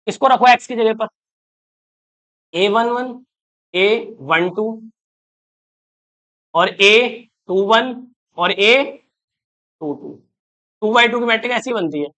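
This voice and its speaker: An online math lecture is given by a man whose voice is extremely high, pushed, and bright. He works through every step out loud, counting terms, and keeps asking students if they are following, coaxing questions from them.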